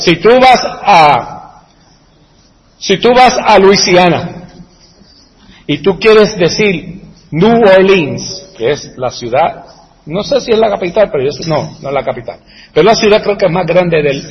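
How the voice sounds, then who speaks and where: Speaking at a measured pace, this man has a somewhat high, animated, slightly rough voice. He's hosting an easygoing chat about viewer comments, wandering off topic, asking rhetorical questions and chuckling. The sound is lo-fi, with the long reverb of an echoey room.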